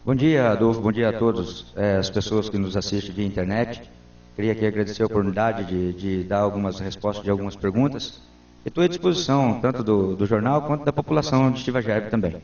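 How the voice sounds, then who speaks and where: A man in his forties answers interview questions in an earnest, formal way as a town councilman. His voice is dark and mellow, and it comes from a distance in a roomy space. The sound is dull and lo-fi. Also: on the low side, fast. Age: 40s.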